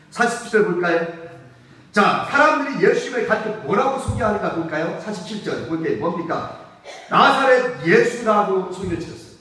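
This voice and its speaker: Male pastor with a high, animated delivery; keeps asking his congregation questions; heard from a distance in a very reverberant church. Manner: emphatic preaching with rhetorical questions to the congregation. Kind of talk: sermon. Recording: echoey church hall from far off.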